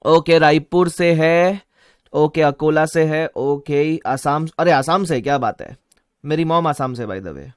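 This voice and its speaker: A man with a Mumbai accent teaching a live online class, energetic, mixing Hindi and English and reading viewer chat aloud. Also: fairly high pitch, takes it slowly, smooth, dry recording, clean studio sound. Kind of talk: live-streamed online lecture.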